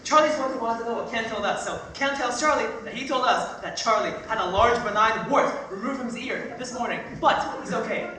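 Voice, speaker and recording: A woman's voice: on the high side, brisk, hardly any pauses, sharp tone. A young woman acting a frantic, sarcastic male party guest in a school stage play. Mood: explaining. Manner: sarcastic, exasperated. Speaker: stage actor. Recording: echoey stage from far off, noisy.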